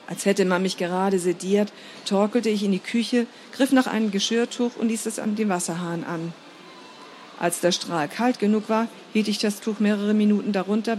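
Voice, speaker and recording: A woman narrating a first-person story in a measured, steady reading voice. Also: medium pitch, slight background noise.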